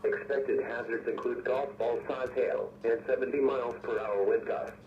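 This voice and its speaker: Heard through a receiver, this weather radio broadcast carries a synthetic male voice of medium pitch delivering formal emergency bulletins in a steady, measured, impersonal tone. The mic is distant, and the audio comes across muffled, echoey, and noisy.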